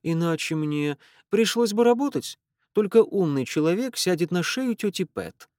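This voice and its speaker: A man reading aloud voices a dry-witted grown man answering with calm irony. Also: high voice, moderate pace, dry recording, voice pushed up. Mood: wry. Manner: wry, unflappable. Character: dry, wry grown man, idle wit.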